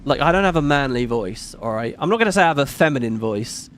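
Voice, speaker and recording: Quick-paced and lively in intonation, a middle-aged British man chats casually on a live stream, his fairly high, not-macho voice sounding fairly bright. He rambles and swears casually, with slight background noise behind him.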